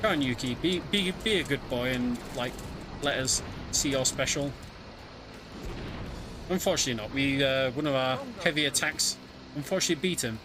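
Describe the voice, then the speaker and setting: This man narrates a video game's story while playing through it, giving relaxed live commentary on his own speedrun. He speaks in a mid-range voice at normal speed, leaving long pauses, with noise in the background.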